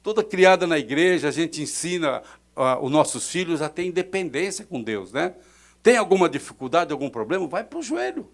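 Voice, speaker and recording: Brazilian man, middle-aged pastor, fairly high voice, fervent sermon, loud swells and soft drops. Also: expressive, fairly quick. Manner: fervent preaching with sudden swells and drops in loudness. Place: church.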